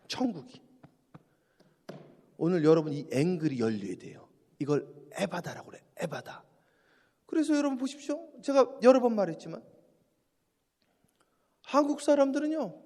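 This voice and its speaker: A man preaching an early morning sermon as senior pastor, animated and full of jokes and stories. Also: sits high, long reverb tail. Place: church sanctuary.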